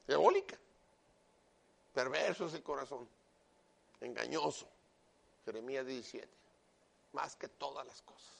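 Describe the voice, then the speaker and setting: A man preaching a sermon loudly and emphatically, with joking asides and frequent direct address to his listener. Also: medium pitch, measured pace, vocal fry, pauses often, breathy edge. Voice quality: loud, emphatic delivery.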